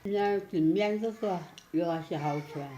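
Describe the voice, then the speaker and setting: A woman with a slightly low voice talks casually in a Sichuan-Chongqing accent. The room is quite echoey, with faint noise in the recording. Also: moderate pace, warm tone, muffled recording. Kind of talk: casual table talk.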